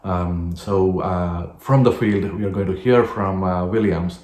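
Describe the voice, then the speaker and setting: A man with a very low voice hosts an introduction to a webinar clip. He speaks haltingly, with many fillers. His voice sounds re-recorded through a speaker, with a roomy echo around it. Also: fairly even intonation, a little mellow. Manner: hesitant, with frequent filler sounds. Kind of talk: unscripted spoken introduction.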